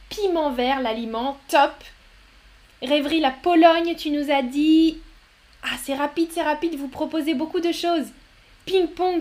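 A woman hosting a live word game as a teacher, reading out chat answers and cheering viewers on. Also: sits high. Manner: upbeat, encouraging, reads chat names aloud.

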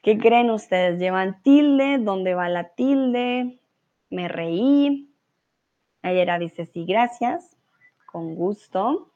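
A woman's voice: medium pitch, expressive, extremely slow, warm tone, dull audio. A Colombian woman teaching a live online Spanish lesson, patient and encouraging, dropping into English and German to explain.

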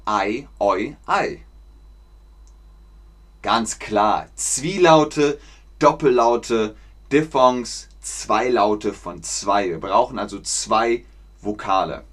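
Slow, clear man teaching German. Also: mid-range voice, fairly bright tone. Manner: slow, clear, repeats words for learners; chatty, reads out viewer names from chat. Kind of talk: live-streamed language lesson.

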